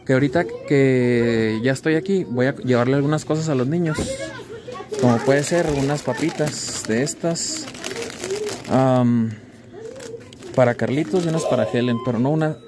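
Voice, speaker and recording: A man's voice: medium pitch, moderate pace, a crowd in the background. A young man with a Mexican Spanish accent, chatting casually while filming in a small grocery store on a handheld camera. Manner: chatty, conversational, wandering asides. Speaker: vlogger, snack maker. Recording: noisy shop background.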